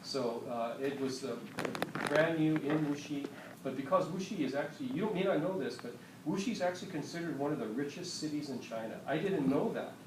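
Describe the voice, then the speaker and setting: A man talking casually to a group in a relaxed, chatty way, with frequent fillers. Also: fairly high pitch, a little fast. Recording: roomy, far from the mic, noisy.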